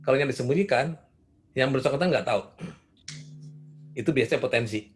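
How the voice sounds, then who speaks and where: Older male seminar speaker, conversational, quizzes listeners, mid-pitched voice. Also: a little fast. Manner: asks the audience questions, warm storytelling. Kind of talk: seminar talk answering questions.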